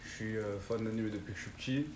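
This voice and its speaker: A man's voice: on the low side, steady tone, fast, a little mellow, reverberant, slight background noise. A young man, a guest, telling an anime story in slangy casual chat, forever checking in with the listener. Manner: slangy storytelling with constant "tu vois".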